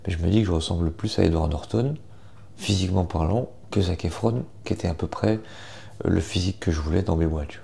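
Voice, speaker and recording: A young man chatting casually in a morning vlog, informal and self-deprecating, with a gravelly morning voice full of vocal fry. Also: sits low, brisk, warm tone. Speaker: vlogger.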